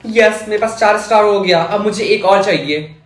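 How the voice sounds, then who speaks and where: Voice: mid-range voice, normal speed, roomy sound, faint music behind, natural voice. A voice actor playing an anxious schoolboy in a cartoon, who worries aloud and talks to himself. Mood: cheerful. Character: anxious schoolboy scheming to collect stars. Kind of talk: cartoon dialogue.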